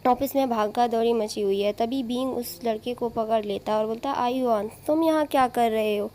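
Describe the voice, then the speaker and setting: A woman casually retelling a fan story in a relaxed, conversational way. Her voice sits a little high, and she adds chatty asides and restarts as she goes. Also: moderate pace, slight background noise.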